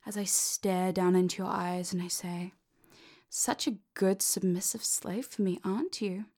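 A woman talking in a soft, slow, commanding whisper as she guides a listener through a hypnosis roleplay. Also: mid-range voice, fairly even intonation. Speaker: hypnosis audio creator.

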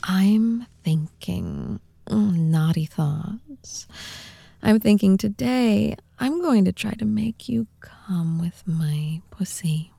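A woman voicing a dominant, teasing supernatural seductress in an intimate ASMR role-play, breathy and hushed, right in the listener's ear. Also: medium pitch, big pitch swings, takes it slowly, no room sound, heavily acted. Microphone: very close microphone.

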